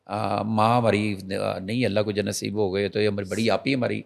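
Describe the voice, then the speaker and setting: A man's voice: on the low side, gravelly. A man, a senior journalist, telling a story as a guest on a talk show. He talks to the viewers directly and acts out what people said. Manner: animated storyteller, acts out quotes; restarts and fillers, addresses viewers directly. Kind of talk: conversational talk show commentary.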